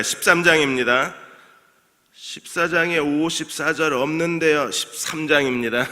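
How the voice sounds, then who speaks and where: A man's voice: a little high, sharp tone. A male senior pastor preaching an expository sermon, asking the congregation questions and answering them himself in an emphatic, preacherly way. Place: church sanctuary. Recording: long church-hall reverb.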